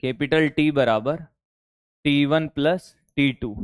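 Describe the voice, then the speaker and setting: Hoarse, high-voiced male physics teacher. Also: takes it slowly, no room sound, studio quality. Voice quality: strained, worn voice. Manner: coaxing, keeps asking if students got it. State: hoarse from shouting. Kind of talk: online physics lecture at a board.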